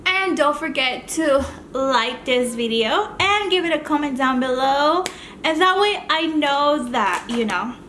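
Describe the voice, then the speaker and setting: A woman's voice: high voice, expressive, measured pace, fairly bright tone, a little hiss or hum. A woman hosting a mukbang video, chatting casually and rambling between bites of food. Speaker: mukbang channel host. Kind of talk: casual chat while eating on camera.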